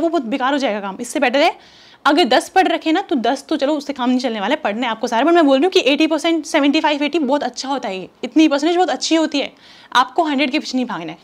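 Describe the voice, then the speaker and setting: A young woman teaching exam strategy to chemistry students in a chatty, direct and reassuring way, mixing in English words. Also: sits high. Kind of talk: casual Hindi-English teaching talk.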